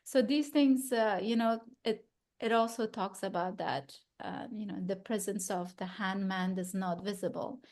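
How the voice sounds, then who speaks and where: A woman in her thirties from Afghanistan, an exhibiting artist, speaks thoughtfully about her work at a gallery talk. Her medium-pitched, slightly mellow voice moves a little slowly, and she often restarts and searches for words.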